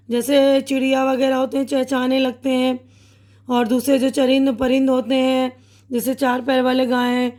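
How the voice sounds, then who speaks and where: A woman teacher patiently explaining a children's poem line by line, often checking in with her pupils and reading verses slowly. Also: high-pitched, a little mellow. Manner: patient, repeats and asks "hai na"; reads poem lines slowly.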